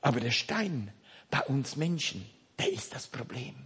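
A male preacher giving a sermon, slow and emphatic, who rises to loud outbursts and drops to hushed near-whispers. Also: medium pitch, sing-song, breathy edge.

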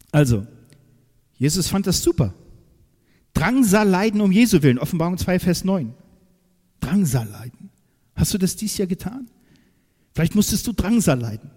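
Guy preaching a sermon, kinda high voice, gets loud then goes quiet, asks the crowd stuff, long echo like a big hall. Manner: emphatic, swings from loud to quiet, asks the listeners questions.

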